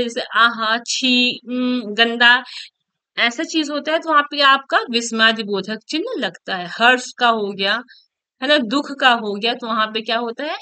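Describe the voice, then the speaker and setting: Bright high-voiced woman teaching. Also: clear, resonant tone, no room sound. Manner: explains step by step, checks in with "ठीक" and "है ना"; writes and erases on a board while talking. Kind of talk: online exam-prep lesson.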